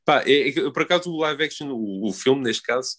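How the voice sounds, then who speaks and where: A man's voice: mid-range voice, animated, fairly quick, fairly bright tone. A man with a European Portuguese accent hosting a casual podcast chat, informal and often circling back over his phrases. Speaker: podcast host.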